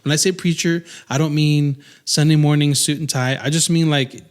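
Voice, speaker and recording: A man's voice: a little high, steady tone, normal speed, clean tone. A man in his thirties co-hosting a podcast in casual chat, rambling with many restarts and fillers. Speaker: podcast co-host.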